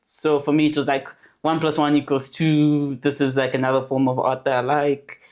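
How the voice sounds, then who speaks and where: A woman in her twenties, born in Zambia and raised in South Africa, who is a guest on a podcast and tells her story in a relaxed, chatty way. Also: very deep voice, moderate pace. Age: 20s. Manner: relaxed storytelling with fillers and restarts. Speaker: podcast guest, animation producer. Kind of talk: casual podcast interview.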